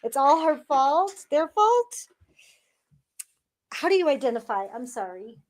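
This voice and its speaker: A woman's voice: high-pitched, big pitch swings, a little slow. A woman co-hosting a live-stream tarot reading, giggly and eager, with supportive interjections. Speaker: tarot reader, stream co-host.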